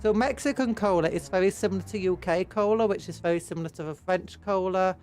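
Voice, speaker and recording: Talking fast in a low, darkish voice over soft music, a British woman streams with a cold that has left her nose blocked and throat sore. She rambles in casual chat, reading and responding to viewer messages.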